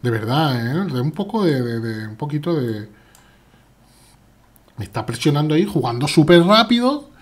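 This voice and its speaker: Man, Spain Spanish accent, husky voice, animated swings in pitch, playful live chess chatter. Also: normal speed, long pauses. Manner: chatty, playful, reads chat aloud while playing. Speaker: chess streamer. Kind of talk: live chess stream commentary.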